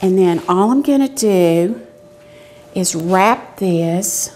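A middle-aged woman, a cooking show host and extension educator, walks through a cooking and craft demonstration step by step in a chatty, folksy way. Her voice is lowish and a little mellow, with lively intonation at a slow pace. She's on a lapel mic in a medium-sized indoor demonstration kitchen; the recording is clear, with background noise and clicks.

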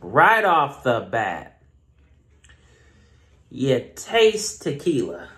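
A man's voice: mid-range voice, huge pitch swings, extremely slow, fairly bright tone. Chatty Southern man reviewing beer. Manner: chatty, rambling, self-mocking. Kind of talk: casual review vlog. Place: home room. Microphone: phone camera.

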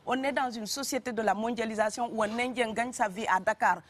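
Speaking fairly briskly with a fairly high pitch and even intonation, this woman is an author being interviewed in a studio. She is from Senegal, a native Serer speaker with a Senegalese French accent and rolled R's, and she talks emphatically but hesitates often.

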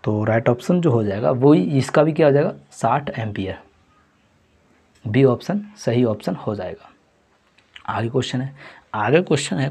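A teacher walks through a mock exam's questions, repeating the answers and repeatedly addressing his viewers as friends. His husky, slightly breathy voice sits in an ordinary middle pitch and sounds a little mellow.

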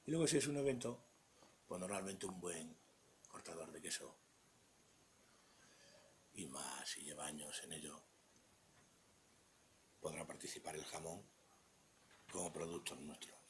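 A man with a Spanish accent, a cheese expert, gives an unscripted walkthrough of a buffet table indoors, talking in a halting, rambling way that trails off into murmurs, recorded on a handheld phone. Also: very deep voice, noisy background. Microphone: handheld phone camera.

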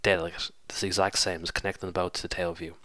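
A programming tutorial host with a stuffy cold walks through a screen-recorded coding lesson step by step, casually correcting himself along the way. His voice is low and level, the pace quick, the tone bright and forceful, and the recording dry.

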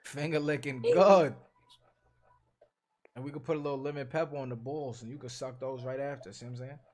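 A man's voice: medium pitch, steady tone, a little fast, darkish tone. Brash young man trolling on video chat. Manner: brash, crude, teasing. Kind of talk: casual trolling banter. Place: small bedroom with blinds. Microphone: headset.

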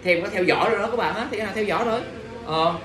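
A man's voice: high voice, racing. A young man teaching English vocabulary in class, drilling pronunciation and quizzing students with exasperated asides. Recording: echoey classroom from a distance.

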